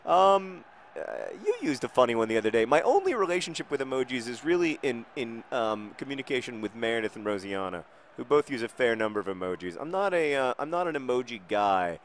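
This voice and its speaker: A man hosting a casual gaming video, answering viewer questions in a rambling, self-deprecating way while now and then shouting at the match he is playing. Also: medium pitch, big pitch swings, fast talker. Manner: rambling, self-deprecating, dry jokes, sudden shouts at the game.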